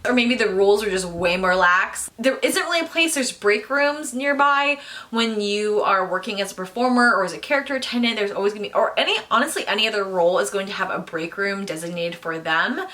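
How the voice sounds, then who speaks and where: A woman's voice: medium pitch, a little fast, bright, forceful tone. A woman, casually answering viewer questions in a chatty way, full of "um" and "like". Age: 20s. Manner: chatty, lots of fillers like "um" and "like". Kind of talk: casual Q&A talk to camera.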